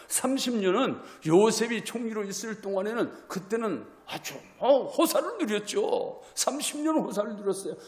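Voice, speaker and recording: A male pastor preaches with a high, lively voice that swings far up and down. His delivery is dramatic, and he acts out the scripture he reads. The sound is recorded in a church hall, roomy and echoing, with a long reverb tail. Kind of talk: sermon.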